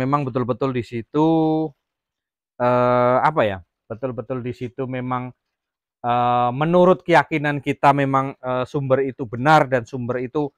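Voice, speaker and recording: A man's voice: medium pitch, clean tone, dry recording. A man from Jambi, Indonesia, running a casual farm vlog about raising quail, rambling with many fillers and restarts. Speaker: quail farmer vlogger. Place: quail farm, near the cages.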